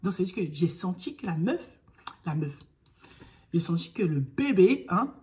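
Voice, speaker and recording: A young woman vlogger talking casually to camera, telling a personal story. She acts out her own pleas and sometimes drops to a hushed near-whisper. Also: fairly low pitch, very animated, normal speed.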